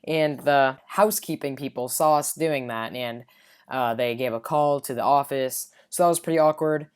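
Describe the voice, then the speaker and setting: A woman with an unusually deep, smooth and resonant voice tells a casual storytime vlog. She rambles through it loosely, full of fillers and side remarks. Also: normal speed. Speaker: vlogger.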